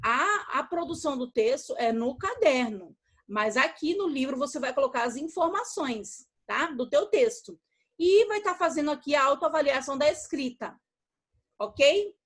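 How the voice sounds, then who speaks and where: A woman's voice: high voice, animated, normal speed, a bit bright. A woman teacher with a Brazilian Portuguese accent, giving a recorded lesson to young children, patient and affectionate, checking in after every step. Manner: affectionate toward pupils, uses diminutives. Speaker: primary school teacher.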